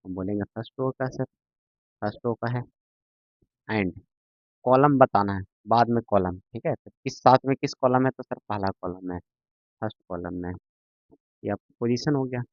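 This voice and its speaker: A man's voice: fairly low pitch, no room sound. A man teaching a maths lesson to a class, patient and repetitive, often checking that students follow. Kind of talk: classroom lecture. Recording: dull lo-fi sound, dry.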